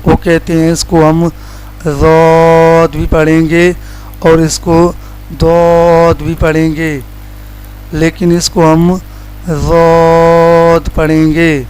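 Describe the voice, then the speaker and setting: Male qaida teacher from Pakistan, monotone and slightly high, drawls out letter sounds, faint music behind. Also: clean tone, low-quality recording. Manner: drawls out each letter slowly as a model; plain explaining teacher tone. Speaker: Quran recitation teacher. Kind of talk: letter-by-letter pronunciation lesson.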